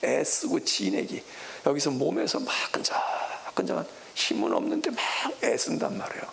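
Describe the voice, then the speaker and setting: Male pastor, middle-aged, a little high-pitched, sermon delivery, faint hiss on the recording. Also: sing-song, moderate pace, creaky. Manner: dramatic, acts out biblical voices, swings between loud exclamations and hushed whispers. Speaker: senior pastor. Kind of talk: expository sermon.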